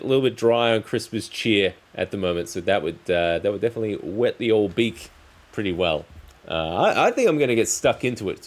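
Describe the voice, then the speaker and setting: A man chatting casually on a hobby livestream as its host, rambling in halting, trailing phrases. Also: medium pitch. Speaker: streamer, crafting channel host. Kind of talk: casual livestream chat while crafting.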